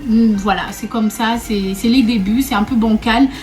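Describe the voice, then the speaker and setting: This woman's voice is slightly high and a bit mellow, with a steady tone and moderate pace. Raised in Réunion, she's a young vlogger telling a story to camera in a relaxed, chatty way, repeating herself, laughing often and calling her audience "mes go".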